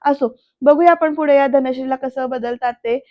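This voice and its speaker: A woman's voice: high-pitched, moderate pace, lo-fi sound. A woman doing a chatty voice-over recap of a TV serial episode, talking straight to her viewers. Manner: chatty, addresses the viewers directly. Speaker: TV serial reviewer.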